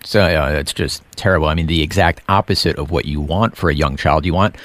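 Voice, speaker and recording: A man hosting a faith-based interview, calm and affirming, often murmuring agreement as his guest speaks. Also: very deep voice, a little fast, no room sound. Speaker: interview host.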